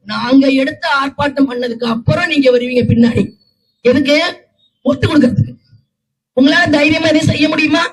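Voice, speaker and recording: A man's voice: extremely high pitch, a bit bright. A man with a Tamil Nadu accent giving a fiery, combative protest speech full of challenging questions. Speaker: political party speaker at a protest. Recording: noisy live rally recording.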